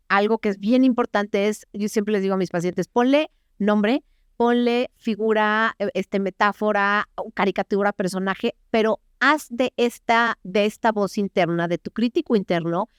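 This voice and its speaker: A woman, a clinical psychologist giving an interview, explaining her ideas in a lively way and acting out inner voices. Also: mid-range voice, normal speed, clear, resonant tone, no room sound, studio quality. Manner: animated, acts out inner voices while explaining.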